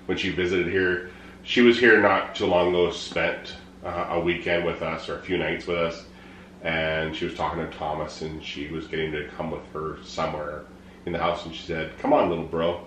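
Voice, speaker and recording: A middle-aged man chatting casually, unhurried and understated, with some hesitation. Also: low-pitched, little pitch movement, fairly bright tone. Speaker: vlogger's partner, co-answering questions. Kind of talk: casual chat. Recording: roomy echo, faint background noise.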